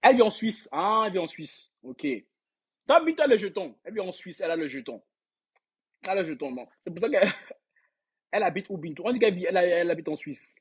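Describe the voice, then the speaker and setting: A man with a high, husky voice and lively intonation reads out viewer comments at a brisk pace on his casual gossip stream. Talking straight to viewers, he rambles along, repeats words and keeps laughing.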